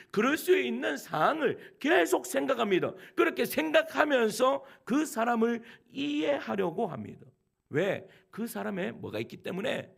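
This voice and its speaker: A man's voice: very high-pitched, creaky, breathy edge. A male pastor giving a sermon to his congregation, asking them one rhetorical question after another. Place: church sanctuary.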